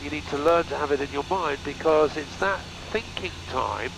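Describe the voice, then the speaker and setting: A male flight instructor with a very creaky, fairly high-pitched voice explains things casually and haltingly. He talks through a headset in a small cockpit with clear engine drone behind him. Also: noisy background. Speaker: flying instructor. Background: aircraft engine drone.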